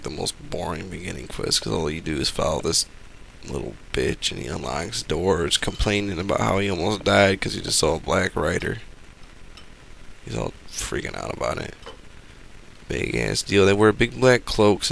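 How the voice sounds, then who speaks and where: A man with a lowish, gravelly voice talks over gameplay footage. His commentary is casual, rambling and sarcastic, and it is peppered with profanity. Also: a bit bright, a little hiss or hum.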